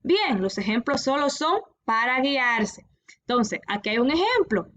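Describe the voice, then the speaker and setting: A woman teacher explaining a lesson to children in a recorded class, patient and repeating each instruction clearly. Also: sits high, big pitch swings, a little slow, a bit bright. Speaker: primary school teacher.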